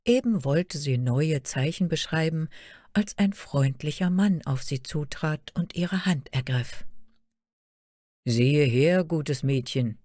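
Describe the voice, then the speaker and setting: Woman storyteller, very unhurried fairy-tale reading, dry sound. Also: low-pitched, no echo. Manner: slow, measured and expressive.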